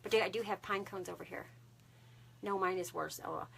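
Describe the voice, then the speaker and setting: A woman with a Texan accent hosting a craft livestream from her home, chatting casually with viewers, bubbly and quick to laugh. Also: medium pitch, steady tone, creaky, a bit bright, a little hiss or hum. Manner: chatty and bubbly, saying y'all often and laughing a lot. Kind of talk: casual live-stream chat with viewers.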